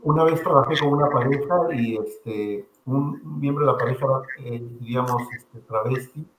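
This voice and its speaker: A man's voice: mid-range voice, normal speed, fairly bright tone. Hesitant man host in a noisy room. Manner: hesitant, many fillers like 'este'. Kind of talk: interview conversation. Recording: roomy with noticeable noise.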